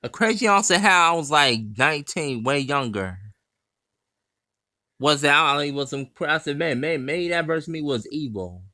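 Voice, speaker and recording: A man's voice: fairly high pitch, animated, normal speed, bright, forceful tone, dry recording. A man who cites chapter and verse, reads passages aloud and comments on them in an insistent way. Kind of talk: scripture quoting and commentary.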